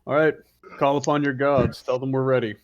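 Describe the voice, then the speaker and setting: A man's voice: mid-range voice, fairly even intonation, brisk, lo-fi sound, lightly acted. A man playing a grumbling, principled adventurer who makes solemn vows in a tabletop game. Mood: stubborn, resolute. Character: grumbling, resolute lawful-good male adventurer.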